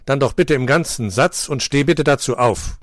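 A man doing a loud dog teacher. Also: medium pitch, moderate pace, no room sound, clean studio sound, voice pushed up, natural voice. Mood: stern. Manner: loud, schoolmasterly. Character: strict school teacher, a Great Dane.

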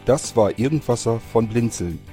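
A man's voice: mid-range voice, animated, normal speed. A man as podcast host, giving a friendly outro with contact details. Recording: faint music underneath.

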